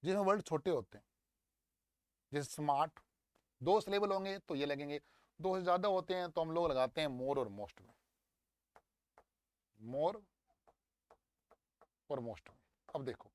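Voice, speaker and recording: A young man teaching English grammar in a lively, coaxing way, walking through an exam paper and drilling words aloud. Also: a little high, smooth, no room sound. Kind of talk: exam paper walkthrough lesson.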